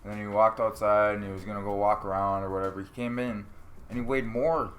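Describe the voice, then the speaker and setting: Brief: lower-voiced man, swears freely, vivid storyteller with quoted lines, casual podcast chat. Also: quick pace. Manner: profane, animated, acts out quotes. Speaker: amateur fighter. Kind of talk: casual storytelling among friends.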